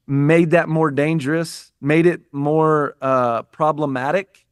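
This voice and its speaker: A podcast guest who works as a business coach in the United States talks in a slightly high voice, sincere and contemplative, with frequent restarts and repeated phrases throughout the conversational interview. Studio-quality sound, no echo.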